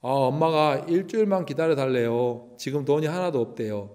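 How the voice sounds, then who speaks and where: A man's voice: a little high, fairly quick, a little mellow, lightly acted. A man voicing a boy who pleads with his mother, insistent and whiny. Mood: pleading.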